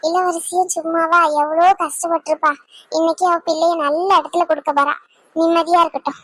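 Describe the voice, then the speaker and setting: A woman's voice: very high-pitched, flat delivery, brisk, fairly bright tone. A woman voicing a fretful middle-aged village mother in a cartoon, lamenting and scolding with emotion. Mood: worried, pleading. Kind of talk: Tamil cartoon voice acting.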